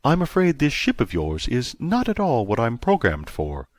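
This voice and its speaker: A man's voice: mid-range voice, wildly swooping pitch, normal speed, no room sound, pitched above the performer's own voice. A man voicing a snooty, lackadaisical male ship computer in an audiobook. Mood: haughty.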